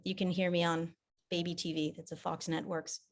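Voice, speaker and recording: A voice actor and theater producer, a French native speaker with an American-sounding English accent, talks about her voice-acting work in a conversational interview, often restarting her sentences. Her voice is lowish and fairly flat, at a moderate pace.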